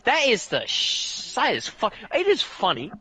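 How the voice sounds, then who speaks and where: This man hosts a podcast and tells a rambling story at an unhurried pace, cursing a lot and beginning sentences again. His voice is slightly rough, jumping far higher when outraged, and the recording is dry with poor audio.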